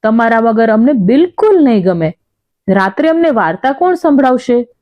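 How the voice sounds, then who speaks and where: A woman narrator puts on a crying little boy of five, begging through tears. The voice is high and bouncy in pitch, heard in dull lo-fi storybook audio. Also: big pitch swings, normal speed. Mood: tearful. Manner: tearful, begging.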